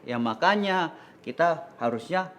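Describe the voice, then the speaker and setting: A man's voice: on the high side, unhurried. A man with an Indonesian accent telling a Bible story to children as a kids church teacher. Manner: lively, patient, explaining.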